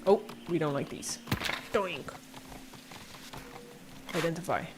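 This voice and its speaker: A young woman with an Irish accent chatting casually while playing a game, chatty and prone to excited squeals. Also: sits low, slow pace. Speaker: game streamer. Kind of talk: casual gameplay commentary. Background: game music.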